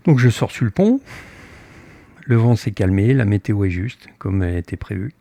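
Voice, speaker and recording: An older man tells the story of his own voyage at sea, acting out his side of a tense exchange with lively emphasis. His voice is mellow and relaxed, and the recording is close and dry. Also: fairly low pitch, normal speed, no room sound. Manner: animated, acts out his own heated dialogue. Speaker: sailboat captain recounting his voyage. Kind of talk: casual spoken storytelling.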